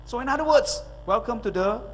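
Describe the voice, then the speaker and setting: A middle-aged man with a high, bright voice delivers an energetic speech on stage. His words carry the long ring of a big hall behind him, with a faint hum underneath. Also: a little fast. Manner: energetic, emphatic, rhetorical questions. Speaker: motivational speaker and consultant. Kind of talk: public speech.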